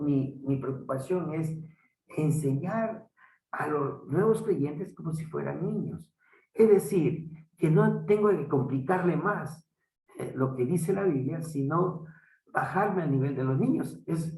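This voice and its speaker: A man teaches as a pastor, talking slowly with a gravelly edge and often pausing to check in with his listeners. He sounds set back from the microphone. The room around him is echoey. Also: on the high side, a little mellow, distant mic. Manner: unhurried, halting, frequent "¿no?" tags. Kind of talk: Bible teaching talk.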